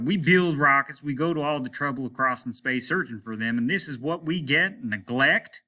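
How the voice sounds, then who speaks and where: In an audiobook, a man reading a story voices an irritable, weary, aging rocket captain who is commanding and scornful. He snaps out indignant questions in a sharp voice pushed up to sound a little high.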